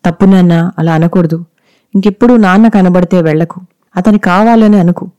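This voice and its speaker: A woman's voice: moderate pace, no echo, muffled recording, lightly acted. A woman voicing a distraught young mother who cries and scolds sharply. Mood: tender. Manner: tearful, sharp and shrill when scolding.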